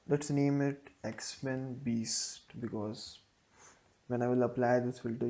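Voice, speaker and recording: A man's voice: medium pitch, gravelly, mellow. A man hosting a coding tutorial, thinking aloud as he types out code step by step. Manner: slow, thinking aloud while typing code.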